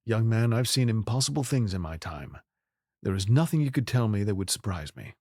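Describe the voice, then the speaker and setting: An actor in an audio drama playing King Arthur as a troubled, regal and earnest ruler who speaks in formal, measured courtly phrasing. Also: fairly low pitch, sing-song, dark tone, no echo, studio quality. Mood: measured, reassuring.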